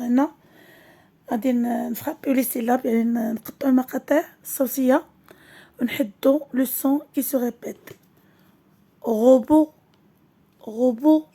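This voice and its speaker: A high-pitched woman teaches a classroom lesson at a slow, careful pace. Her voice is soft and mellow. She repeats each word and moves between French and Arabic as she explains.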